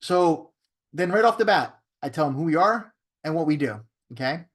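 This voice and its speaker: Running a real estate training class, a man from Florida keeps things conversational, often checking in with "okay?" and "right?" and acting out phone scripts in a different tone. He speaks at a moderate pace in an expressive voice on the high side.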